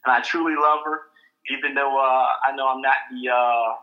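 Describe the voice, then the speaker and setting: A man in his thirties telling stories about his marriage as a podcast guest, halting and self-deprecating. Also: medium pitch, fairly even intonation. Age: 30s. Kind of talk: casual storytelling. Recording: muffled lo-fi audio.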